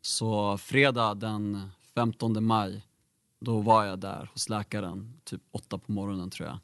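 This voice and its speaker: A man's voice: on the low side, flat delivery, a bit bright, clean tone, no room sound, clean studio sound. A young man, a guest in an interview, telling a personal story in a candid, reflective way with many fillers.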